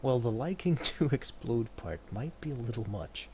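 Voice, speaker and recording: A man's voice: mid-range voice, animated, normal speed. A man hosting a live game stream, chatting casually with viewers and narrating what he does. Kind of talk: casual live gameplay commentary and chat. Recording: clear background noise.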